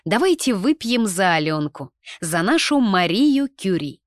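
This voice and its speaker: A woman's voice: mid-range voice, sing-song, a little slow, dry recording, clean studio sound. A woman voicing a tipsy, impulsive young woman at a party. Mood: exuberant. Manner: exuberant, impulsive.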